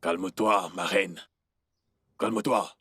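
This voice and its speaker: A man dubbing a calm, soothing middle-aged king in a French-dubbed film. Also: low-pitched, breathy edge, dry recording, studio quality, heavily acted. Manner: soothing, measured.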